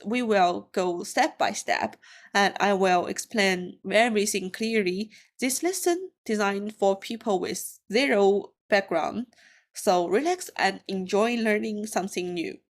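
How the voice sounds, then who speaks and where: A woman teaching a beginner lesson from slides, speaking English with small grammar slips and repeating each word slowly and clearly for learners. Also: mid-range voice. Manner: slow, careful, repeats words for learners. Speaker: Mandarin teacher. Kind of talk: slide-based language lesson.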